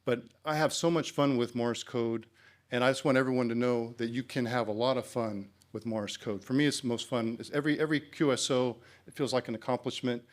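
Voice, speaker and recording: A man's voice: mid-range voice, steady tone, a little fast. A man giving a conference presentation for a club, speaking in a casual, encouraging way with plenty of ums and uhs. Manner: casual, encouraging, many fillers.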